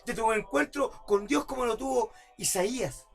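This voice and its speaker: A man's voice: extremely high pitch, moderate pace, gravelly, faint music behind. A man preaching a sermon as pastor, repeating rhetorical questions and building to emphatic outbursts. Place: church service.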